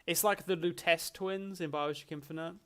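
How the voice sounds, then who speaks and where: A man hosts a casual livestream, his voice sitting somewhat high for a man. He rambles and jokes his way through chat questions in a loose, chatty manner. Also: fairly even intonation, normal speed, a bit bright. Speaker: livestream host.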